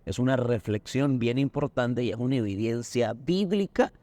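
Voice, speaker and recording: A man's voice: mid-range voice, lively intonation, moderate pace, dark tone. A man with a Colombian accent, a pastor earnestly explaining a Bible lesson in a recorded discussion. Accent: Colombian Spanish. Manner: earnest teaching, acts out anecdotes.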